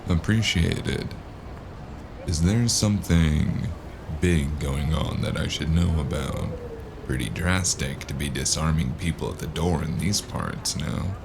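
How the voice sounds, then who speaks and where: A man playing a weary, sardonic noir gun-for-hire in an audio drama, with a gravelly voice and dry, clipped delivery. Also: unhurried, background noise, heavily acted. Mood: sardonic, impatient. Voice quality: gravelly, very low. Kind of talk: noir detective audio drama with hardboiled narration.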